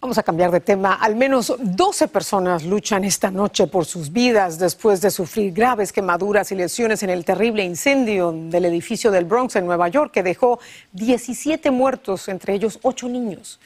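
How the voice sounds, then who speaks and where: A woman's voice: medium pitch, moderate pace. A woman anchoring a television newscast, introducing reports in a composed delivery. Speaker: news anchor. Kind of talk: news anchoring.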